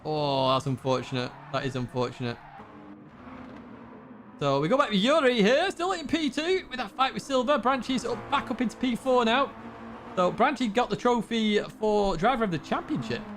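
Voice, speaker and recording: A man giving live commentary on a sim racing event in an excitable, chatty manner. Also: sits high, moderate pace, faint music behind. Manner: excitable, chatty, laughs along. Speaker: race commentator.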